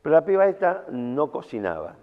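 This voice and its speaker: A man with a Rioplatense Spanish accent preaches a camp sermon in a colloquial, storytelling style. His fairly high voice is sing-song and fairly quick. The recording sounds tinny in a reverberant hall.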